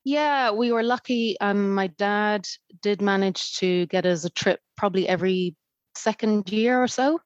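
A woman's voice: medium pitch, measured pace, no echo, dull audio. A woman from Zambia, a podcast guest chatting casually with many fillers. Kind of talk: casual interview chat.

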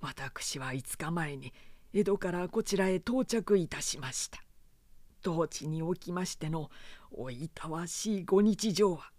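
A man's voice: fairly high pitch, animated, measured pace, a little mellow, no echo. A reader voicing a loyal samurai retainer, a man who speaks formally and deferentially yet presses his lord hard.

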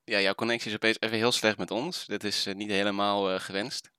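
Smooth low man, dry sound. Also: level tone, quick pace, bright, forceful tone, no room sound. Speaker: podcast co-host. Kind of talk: casual chat.

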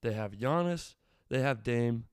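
A man's voice: mid-range voice, animated, a little slow, clean tone, no room sound, studio quality. Casual man with a slightly weathered voice. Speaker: sports fan commentator. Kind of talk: casual solo sports commentary.

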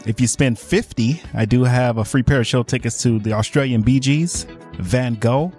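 Man doing live AM radio sales patter. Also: a little mellow. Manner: repetitive pitchman delivery with drawn-out words. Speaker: radio shopping show host. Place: small dry AM radio studio. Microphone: close studio microphone. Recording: music playing behind a dry studio voice.

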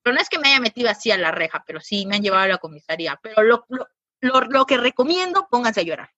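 A woman, a podcast guest telling stories in casual chat, animated and laughing often. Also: fairly high pitch, fast talker, no room sound. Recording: dry, dull lo-fi recording.

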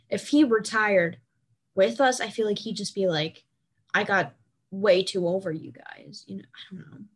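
A young woman chatting casually about hockey with friends, animated and full of fillers. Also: mid-range voice.

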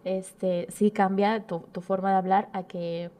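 A woman's voice: mid-range voice, little pitch movement, a little slow, mellow. A young woman from the Mexico City area with a Mexico City accent, chatting casually and joking as a co-host. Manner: playful, jokey. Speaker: podcast co-host. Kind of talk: casual chat.

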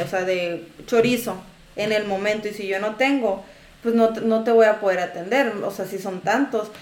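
A woman telling stories in casual chat, animated and swearing freely as she acts out customers. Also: mid-range voice, roomy sound, a little hiss or hum. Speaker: tortilla shop worker telling stories.

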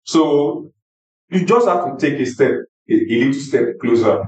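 A man's voice: medium pitch, lively intonation, normal speed, darkish tone. Nigerian man, distant and echoey. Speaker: panelist giving advice. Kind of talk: casual chat with Pidgin phrases. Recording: distant, echoey, muffled room.

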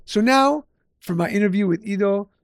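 Gravelly, higher-voiced male podcast host. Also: animated, moderate pace, dry recording, studio quality. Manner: upbeat, salesy, uses "right?" as a tag. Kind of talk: casual podcast talk with ad read.

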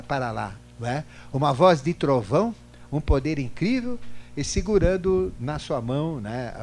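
An older man teaching a spiritual class, animated, asking rhetorical questions and acting out both sides of a past argument. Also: a little high. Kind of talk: lecture to a class. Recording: faint hum, digitized from CD.

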